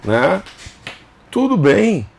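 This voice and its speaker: A man's voice: sits high, sing-song, extremely slow, vocal fry. A man in his fifties, a governor being interviewed on a casual podcast, who speaks emphatically in short clauses and repeats phrases. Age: 50s.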